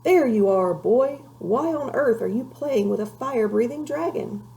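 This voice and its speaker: A woman voicing a blustering, scornful father knight in a storybook, loud and challenging. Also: on the high side, animated, moderate pace, creaky, voice pushed up. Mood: alarmed, scolding.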